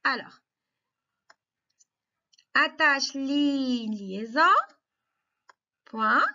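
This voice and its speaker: A high, bright-voiced woman teaching young children, speaking very slowly and patiently as she walks them through each step with encouragement. The recording sounds a little dull and lo-fi. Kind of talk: slow, clear classroom instruction for young children.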